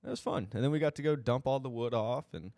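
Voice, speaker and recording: A man's voice: medium pitch, fast, dry recording, clean studio sound. A man co-hosting a podcast, telling stories casually and acting out what people said. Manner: animated storyteller, acts out quotes. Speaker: podcast co-host. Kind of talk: casual storytelling.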